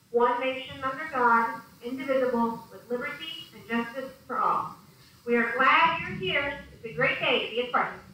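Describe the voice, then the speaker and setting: A woman reading the morning school announcements in a steady scripted read, heard over a school PA loudspeaker in a classroom. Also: sits high, slight background noise. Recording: echoey distant loudspeaker in classroom.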